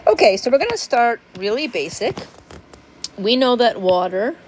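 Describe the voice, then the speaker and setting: A woman's voice: a little high, sing-song, normal speed, slight background noise, poor audio. A middle-aged woman giving a casual, chatty recorded lecture as an instructor, walking through slides. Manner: casual, chatty, apologetic about yawning.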